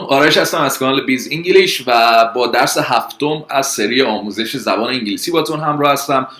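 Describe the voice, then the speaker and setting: A Persian-speaking man teaching English, drilling words slowly and clearly in a relaxed lesson style. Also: mid-range voice. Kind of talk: language lesson. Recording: echoey room, faint music.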